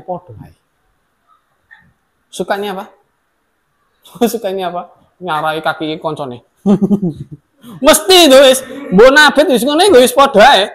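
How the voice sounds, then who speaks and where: A middle-aged male teacher giving a classroom lecture. He swings between loud outbursts and soft asides and acts out quoted remarks in sharp voices. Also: fairly high pitch.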